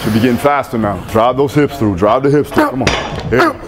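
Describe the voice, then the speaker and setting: This strength coach, a man in his thirties, fires off repetitive commands and encouragement in a large indoor gym with music blaring. His medium-pitched voice swings hugely in pitch, he talks fast, and the recording is very noisy.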